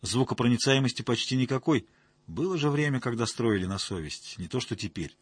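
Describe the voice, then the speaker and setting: Man narrating an audiobook, husky lively voice. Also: mid-range voice, a little fast, no echo. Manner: wry, colloquial storytelling.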